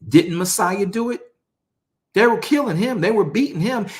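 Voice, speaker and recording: A man preaching an online sermon, emphatic and repetitive, asking rhetorical questions and dropping low and soft on key words.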